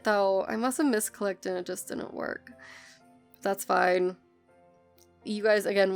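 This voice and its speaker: American woman, sick with bronchitis, rough gravelly voice, loose rambling voice-over, faint music underneath. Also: mid-range voice. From United States. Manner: rambling, lots of ums, self-correcting. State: hoarse from bronchitis, coughing. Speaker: game builder narrating a speed build. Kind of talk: casual chatty voice-over. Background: soft background music.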